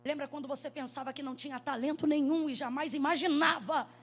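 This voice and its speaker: A Brazilian woman preaching a sermon at a church conference, telling stories with a lively, animated delivery that rises into shouts. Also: high voice, quick pace. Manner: animated storytelling, rising to shouts.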